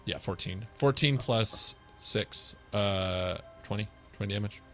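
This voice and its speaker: A man's voice: on the low side, slow pace, pushed and bright, soft background music. A man playing a tabletop game, casual and jokey as he rolls dice. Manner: easygoing, jokey. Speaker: player.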